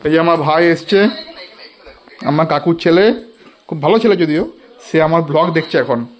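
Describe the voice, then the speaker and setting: A young mother with a deep voice chats casually at a normal pace for her family vlog, asking a child questions as she moves in and around the family home. It was recorded on a handheld phone, and the audio is noisy.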